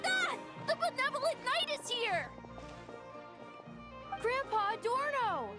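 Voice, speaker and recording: A small, excitable child in a video game. The voice is tiny and very high, with lively, drawn-out phrasing. Music is clearly heard behind. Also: female voice, heavily acted. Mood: excited.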